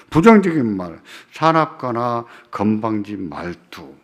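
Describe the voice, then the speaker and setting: At a church prayer meeting, a pastor preaches a sermon, asking the congregation rhetorical questions and emphatically repeating key phrases as his medium-pitched voice swings between loud and soft.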